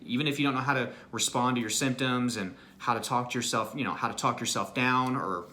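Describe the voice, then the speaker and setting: A man's voice: mid-range voice, a little fast, sharp tone, slight background noise. A man speaking as an anxiety recovery coach, giving an earnest, motivational self-help talk and often checking in with "right?" and "you know".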